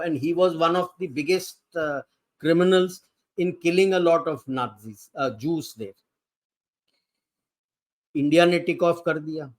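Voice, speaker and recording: A man's voice: fairly high pitch, fairly bright tone. A man giving conversational political commentary, switching between Hindi and English. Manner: slow, deliberate Hindi-English code-switching.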